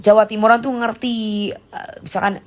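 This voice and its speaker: A woman's voice: fairly high pitch, flat delivery, moderate pace. A woman chatting casually on a phone live stream, explaining slang acted-out examples.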